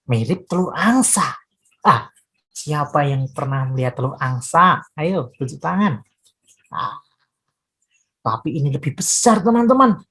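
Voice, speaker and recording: In a low-pitched voice, a female storyteller narrates expressively for children, using dramatic phrasing and speaking directly to her young audience.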